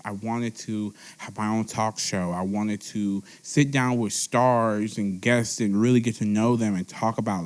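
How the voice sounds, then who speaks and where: A man's voice: lowish voice, a little mellow. A young man from Texas hosting his own podcast, talking alone with earnest, heartfelt feeling and repeating phrases, a bit tipsy. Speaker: podcast host. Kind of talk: emotional solo monologue. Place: seated at a table at home.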